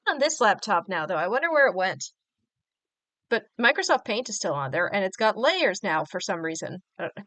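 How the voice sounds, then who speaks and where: Bright, chatty young woman streamer. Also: medium pitch, very animated, fairly quick, dry recording. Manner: chatty, rambling, many fillers. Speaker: livestream host. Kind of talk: casual chat while drawing.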